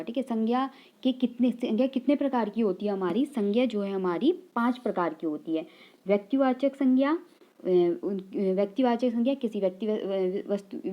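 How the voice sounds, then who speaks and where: A woman's voice: mid-range voice, muffled recording. A woman teaching an exam-prep grammar lesson, repeating key terms and asking rhetorical questions with frequent "okay" check-ins. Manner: repeats and asks rhetorical questions, "ठीक है" tags.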